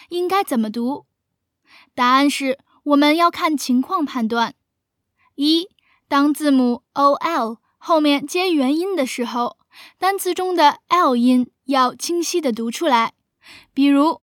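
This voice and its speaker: A woman host giving a scripted radio lesson, explaining clearly and slowing down for examples. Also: high voice, no room sound, studio quality. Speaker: English teacher and host.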